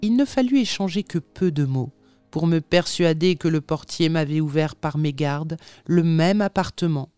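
A narrator reading a classic tale aloud as an audiobook, with measured, dramatic storytelling. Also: mid-range voice, a little mellow.

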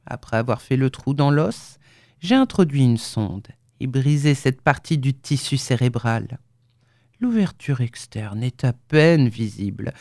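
A woman reading the lines of a calm, clinical male surgeon with quiet menace in an audiobook. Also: very deep voice, unhurried, dry recording, studio quality, voice pushed down, heavily acted. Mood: cold menace. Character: cold scheming male surgeon, middle-aged.

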